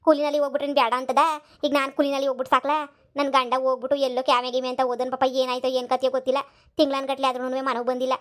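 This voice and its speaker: A woman voicing a sharp-tongued young village wife who nags and scolds, for a cartoon comedy. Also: high-pitched, monotone, natural voice. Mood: scolding. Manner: scolding, rapid and nagging.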